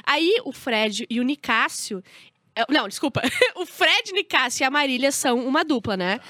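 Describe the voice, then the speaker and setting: A woman co-hosting a casual group chat, quick with retorts and laughing often. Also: high voice, very animated, bright, forceful tone. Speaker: podcast co-host. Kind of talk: casual group chat about a reality show.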